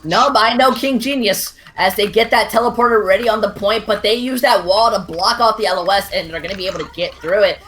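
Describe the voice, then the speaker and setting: A woman calls an esports match live, play-by-play at a brisk clip. Her voice sits at an ordinary pitch for a woman. A faint noise runs underneath. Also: fairly bright tone. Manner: brisk, running call of the action.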